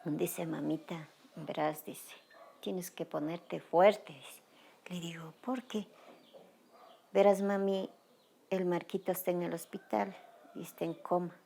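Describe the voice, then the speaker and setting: A woman's voice: lowish voice, level tone, measured pace, creaky, dark tone, slight background noise. A middle-aged Ecuadorian woman giving documentary testimony, emotionally retelling events through quoted dialogue. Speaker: victim's mother interviewed.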